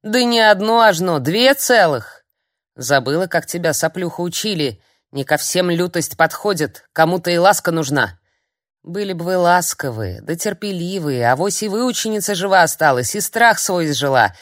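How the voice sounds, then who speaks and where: A woman reading an audiobook, voicing a cantankerous, half-blind old hag who scolds and jeers in a high, strained voice. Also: lively intonation, no room sound, clean studio sound, lightly acted. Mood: scornful. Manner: shrill, scolding, drawn-out jeers.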